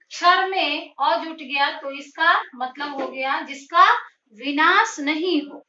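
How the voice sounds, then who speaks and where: A woman teacher with a high, bright voice explains grammar slowly and deliberately, putting questions and then answering them. She sounds distant from the mic in a roomy space. The recording is dull and lo-fi. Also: a little hiss or hum. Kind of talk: classroom grammar lesson.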